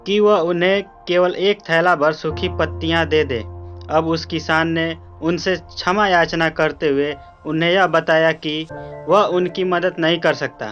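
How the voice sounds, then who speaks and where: A man narrating a scripted moral story as a storyteller, in formal, measured, literary phrasing. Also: fairly high pitch, fairly bright tone. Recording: dull lo-fi audio under prominent music. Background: music.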